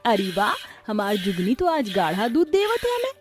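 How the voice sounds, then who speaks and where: Woman voicing a sweet high village girl. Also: wildly swooping pitch, moderate pace, music in the background. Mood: affectionate. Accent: Bhojpuri-tinged rural Hindi. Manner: sweet, lilting. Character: sweet young village bride, goat lover. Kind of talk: cartoon story voice acting.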